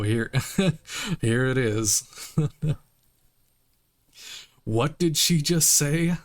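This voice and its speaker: Slow-talking playful male streamer. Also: medium pitch. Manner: playful, laughing, mock-indignant. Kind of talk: game playthrough, reading dialogue aloud.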